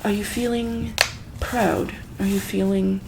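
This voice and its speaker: This soft-spoken woman voices an examiner in an ASMR medical roleplay, posing gentle questions, repeating them, and occasionally whispering breathily. She speaks slowly at a medium pitch with a level tone, and the clip is very noisy.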